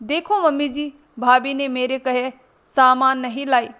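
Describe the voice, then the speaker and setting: A woman's voice: high voice, steady tone, measured pace, fairly bright tone. A woman voicing a petulant, complaining young daughter-in-law in a spoken storybook. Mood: sulky. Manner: grumbling, sulky.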